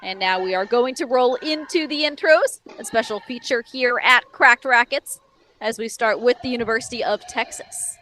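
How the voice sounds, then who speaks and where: A woman from New England doing live tennis commentary, measured and analytical as she breaks down the players' games. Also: fairly high pitch, sharp tone, slight background noise, rough recording.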